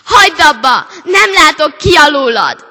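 Storybook role: a headstrong young girl, loud and defiant, bright sharp tone, read by a woman. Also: mid-range voice, very animated, slightly rough, big-room sound, full character voice. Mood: defiant, angry. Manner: raised, loud outbursts. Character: stubborn defiant young girl trapped under a hat.

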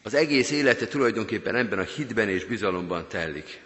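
A man's voice: on the low side, lively intonation, a bit bright. A man preaching a sermon as pastor, speaking earnestly and directly to his congregation. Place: church. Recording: long church reverb.

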